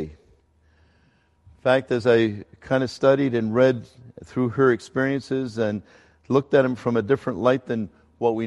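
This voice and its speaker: Male pastor, middle-aged, from Ecuador, conversational sermon, mid-pitched voice, long hall echo. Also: a little mellow. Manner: conversational, halting with fillers and restarts.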